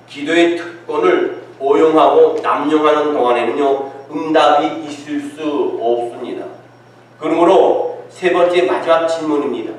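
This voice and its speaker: Male pastor, higher-pitched, delivering a sermon from a distant mic in a very echoey church hall. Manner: asks the congregation rhetorical questions. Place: church sanctuary.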